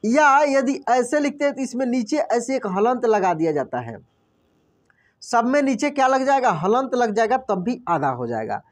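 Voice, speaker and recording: A man teaching a reading lesson, who spells words out slowly, says each one twice and keeps asking the listener what is written. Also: very high voice, sing-song. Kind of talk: classroom-style reading lesson.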